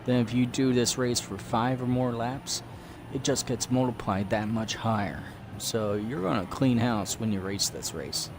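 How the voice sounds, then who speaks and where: Chatty 50s guy streaming a racing game, mid-pitched voice, loud car noise in the background. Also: unhurried. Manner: chatty, rambling, talks to live chat. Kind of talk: casual gameplay commentary.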